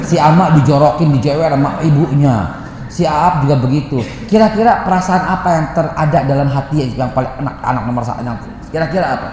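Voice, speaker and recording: Animated Indonesian preacher in an echoey hall. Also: male voice, fairly high pitch, slight background noise. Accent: Jakarta. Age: middle-aged. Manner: animated storyteller who acts out voices, swinging from loud to hushed. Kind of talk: sermon with storytelling. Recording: echoey hall with long reverb.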